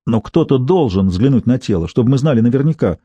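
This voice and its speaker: A man voicing a reluctant male medical examiner in an audiobook, low and hesitant. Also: animated, fast talker, warm tone, no room sound, highs cut off, natural voice.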